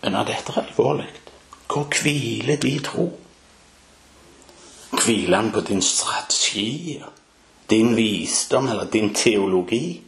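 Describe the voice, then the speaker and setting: A man's voice: on the low side, animated, creaky, pauses often. A man preaching a fervent sermon, with emphatic rises and exclamations. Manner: fervent, rising to emphatic peaks. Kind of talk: Pentecostal-style sermon.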